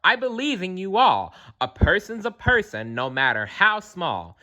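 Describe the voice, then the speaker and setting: A man's voice: high-pitched, big pitch swings, unhurried, pushed and bright, pitched above the performer's own voice, heavily acted. A man voicing a big, kind-hearted elephant in an earnest, encouraging storybook voice.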